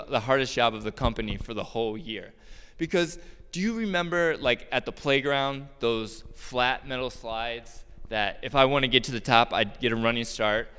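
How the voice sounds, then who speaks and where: A man tells a personal story about his roofing work in a relaxed, joking way, full of ums and laughs. His voice is smooth and resonant at a middle pitch. A long hall reverb follows his words. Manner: casual, joking, many fillers and laughs. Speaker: roofer telling a personal story. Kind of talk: personal storytelling talk on stage.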